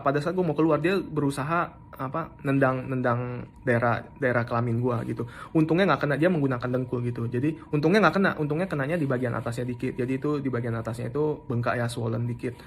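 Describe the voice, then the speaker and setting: Young man telling a story, halting and slangy. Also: medium pitch, a little hiss or hum. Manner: slangy, halting, with many restarts and English words mixed in. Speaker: storyteller recounting an assault. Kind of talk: casual first-person storytelling.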